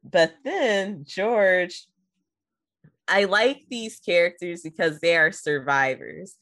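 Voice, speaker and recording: A woman's voice: fairly low pitch, animated, slow pace, a bit bright, no room sound, studio quality. A woman co-hosting a casual movie review chat, retelling scenes with laughs and acting out the characters' lines. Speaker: podcast co-host.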